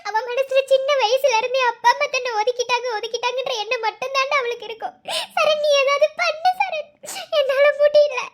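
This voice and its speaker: A very high, steady, fairly bright voice speaks briskly over slight background noise. In this cartoon voice acting, a performer plays a guilt-ridden young mother who is distraught on the phone, pleading, sobbing and repeating his name.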